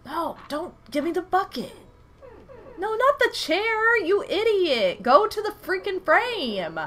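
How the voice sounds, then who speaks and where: A young woman livestreams a game from home, speaking slowly in an extremely high voice. Recovering from the flu, she sounds stuffed up, yet she's lively and exclaims at what happens in the game as she chats with viewers. There's slight background noise.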